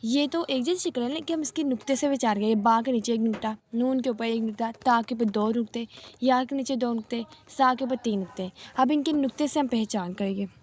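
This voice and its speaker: A woman teaching a reading lesson step by step, patient and slow, repeating each rule. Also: a little high, a little hiss or hum. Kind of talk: step-by-step Arabic letters lesson.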